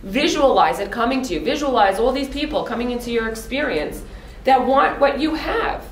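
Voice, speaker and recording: A woman speaking on a panel, direct and lively, often laughing as she talks. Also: a little high, normal speed, slight background noise. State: lozenge in mouth. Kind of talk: panel discussion talk. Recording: echoey room from far off.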